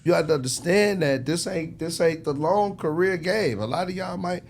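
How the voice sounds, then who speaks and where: A little high in pitch and at a moderate pace, an American man who works as a music industry executive gives advice as an interview guest. He keeps it casual, emphatic and preachy, leaning on tag questions to make sure the listener is with him.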